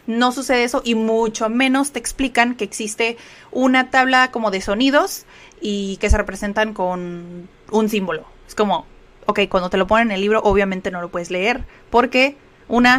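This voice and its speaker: A woman's voice: on the high side, a bit bright. A woman from Mexico with a Mexican Spanish accent, teaching English in a chatty live lesson and checking in often with the audience. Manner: chatty, explanatory, with many filler checks like "¿ok?".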